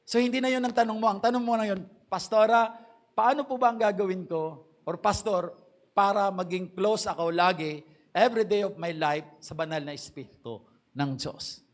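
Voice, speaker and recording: A middle-aged man preaching a sermon in church, polite and earnest, slowing down to stress key phrases. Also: high voice. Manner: slows to stress key English phrases, mixes Tagalog and English. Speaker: pastor.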